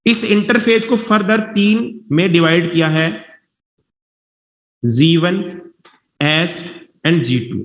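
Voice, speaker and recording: Teacher guy, highish voice, keeps checking if the class gets it, roomy muffled recording. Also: takes it slowly, long pauses, fairly bright tone. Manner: reassuring, repeats himself, checks whether students follow. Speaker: biology teacher. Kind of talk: classroom lecture. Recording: dull, echoey classroom recording.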